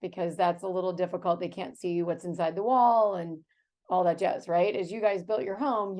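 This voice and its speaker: A woman's voice: mid-range voice, a little mellow. Chatty American woman in her fifties. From United States. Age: 50s. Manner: chatty and enthusiastic, with fillers and laughs. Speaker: host. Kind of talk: casual video chat.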